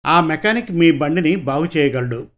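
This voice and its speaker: A man's voice: a little high, animated, normal speed, a bit bright. A man voicing a direct, polite young woman officer. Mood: helpful. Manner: clear, straightforward, courteous. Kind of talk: audiobook character voice.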